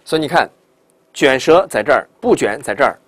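Man, middle-aged, pronunciation teacher, animated, slow demonstrations, rhetorical questions, dry close sound. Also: medium pitch, dry recording. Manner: animated, demonstrates words slowly and repeatedly, asks rhetorical questions. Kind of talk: classroom lecture.

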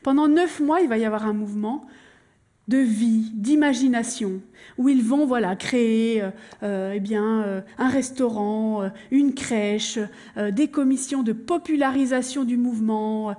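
Woman stage storyteller, fairly high voice, animated, addresses the audience directly, acts out scenes. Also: a little slow. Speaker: stage performer telling a true story.

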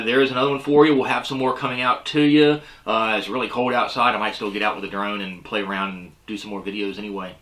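Easygoing middle-aged man with a bright voice. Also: lowish voice. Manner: rambling, filler-heavy, easygoing. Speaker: fishing channel host. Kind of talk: casual product review. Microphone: seated at desk facing camera.

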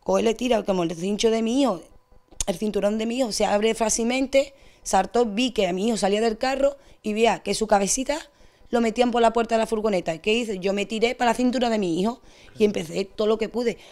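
A young woman with an Andalusian accent, giving a distressed, rushed account as an interviewee. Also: fairly high pitch, darkish tone. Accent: Andalusian Spanish. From Spain. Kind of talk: emotional testimony.

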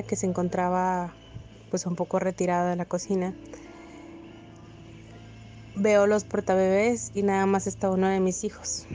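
Flat-toned, mellow woman. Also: medium pitch. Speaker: follower telling her own paranormal story. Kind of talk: casual spoken storytelling.

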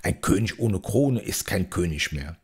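A man voicing a mighty storm king in a fairy-tale audiobook, calling out loudly and ardently. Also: low-pitched, expressive, a little slow, husky, heavily acted. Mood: ardent, pleading. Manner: calls out loudly.

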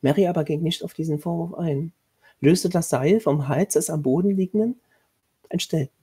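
A man reading his own horror short story aloud in a measured way, with a husky voice and occasional restarts. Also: a little high, dark tone.

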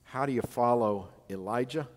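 A man's voice: mid-range voice, normal speed. A male pastor giving a sermon in a conversational, personal way, often asking his congregation "right?". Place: church sanctuary. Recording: long church hall reverb.

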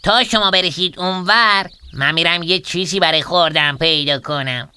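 A woman voicing a young, quick, always-hungry male hare in a cartoon with a whiny, impatient way of talking. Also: fairly low pitch, sharp tone, clear, resonant tone, no room sound. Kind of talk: cartoon voice acting.

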